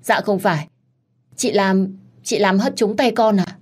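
A woman's voice: mid-range voice, a little slow, a little mellow, breathy edge. A woman voicing a tearful, whining young mistress who pleads and plays the victim in a told story. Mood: whiny pleading. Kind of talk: dramatized storytelling.

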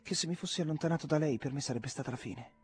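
Figure: a man playing a bold young storybook hero, tense and defiant, pitched higher than his narrating voice and pushed loud. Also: very fast, lightly acted. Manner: clipped, defiant shouts. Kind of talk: audiobook character voice.

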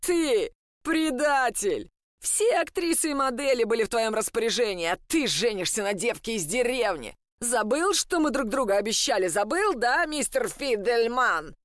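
A woman voicing a furious, spiteful young man who shouts and sneers in drawn-out taunts. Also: on the high side, expressive, no echo, exaggerated voice.

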